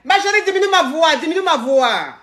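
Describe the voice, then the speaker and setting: A woman's voice: very high-pitched, very animated, fairly quick, fairly bright tone. A woman hosting a live call-in advice stream, playful and repeating her phrases.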